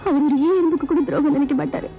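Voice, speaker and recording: An actress plays a grieving daughter in a 1990s film, her voice high and full of sorrow and disbelief. The audio is dull and muffled, with film music clearly underneath. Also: fairly even intonation, racing, natural voice.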